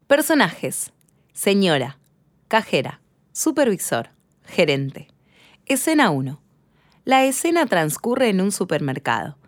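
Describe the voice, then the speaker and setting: A woman reading a play script aloud, announcing character names and stage directions in a calm, lower voice. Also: slow, pauses often. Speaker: reader of a play.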